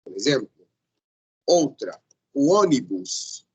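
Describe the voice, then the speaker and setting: A male teacher giving a grammar lesson, patient and repetitive, often pausing to check that the class follows. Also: medium pitch, very animated, slightly rough, low-quality recording.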